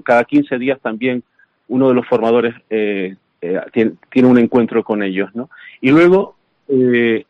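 A man, a seminary rector, answering an interview haltingly with many restarts. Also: medium pitch, no room sound, narrow, tinny audio. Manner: halting, full of restarts and fillers.

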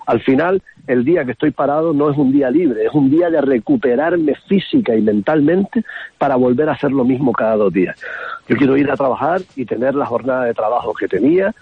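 A man with a Canarian accent argues his case as a taxi association spokesman, calling in to a radio show. His voice is husky and mid-pitched, and it comes through a thin, phone-like line with no room sound. He talks emphatically and often stumbles and restarts. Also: animated, a little fast, no echo. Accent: Canarian Spanish.

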